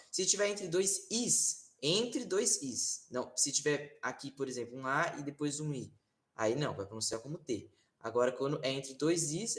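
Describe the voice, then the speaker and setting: A man with a Brazilian Portuguese accent giving a casual online Latin lesson, explaining slowly with many fillers and tag questions. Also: fairly high pitch, a bit bright. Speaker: Latin teacher. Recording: roomy echo.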